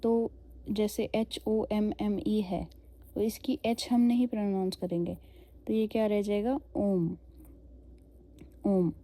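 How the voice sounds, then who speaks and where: Woman, language teacher, patient explanations, slow delivery, very dark mellow tone. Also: mid-range voice, steady tone. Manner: explains patiently, mixing Hindi and English, frequent "okay?"; spells words out letter by letter. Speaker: French teacher. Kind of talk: online language lesson.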